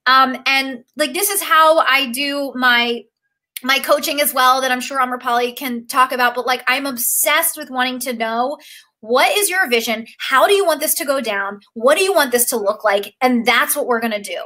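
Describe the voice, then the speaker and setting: A young woman with a high, bright voice pitches her coaching course on a live stream. She gushes with emotion and fills her speech with "like" and "um". Her tone is upbeat and she talks straight to her viewers. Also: normal speed. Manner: gushing, emotional, filler-heavy with frequent "like". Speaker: acting career coach.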